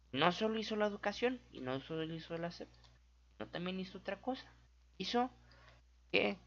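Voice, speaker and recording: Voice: medium pitch, fairly bright tone, lo-fi sound. Una voz con acento mexicano explica historia en tono relajado y juguetón, con efectos de sonido hechos con la boca y autocorrecciones constantes. La entonación sube y baja con mucha viveza. La grabación suena apagada y de baja calidad. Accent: Mexican Spanish. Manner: goofy and chatty, with sound effects and self-corrections. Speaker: YouTuber explaining history. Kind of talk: casual, playful history explainer.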